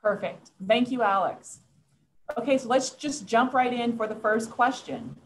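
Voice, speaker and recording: A woman's voice: fairly high pitch, unhurried, poor audio. A woman with a Brooklyn accent moderating a webinar and putting questions to guests. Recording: clear background noise.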